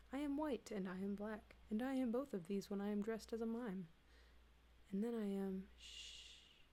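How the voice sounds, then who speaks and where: A woman reading humorous texts aloud in a soft, hushed ASMR style, slipping in and out of whispers, close to a desktop mic at home. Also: mid-range voice. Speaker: ASMR reader. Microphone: close desktop USB mic.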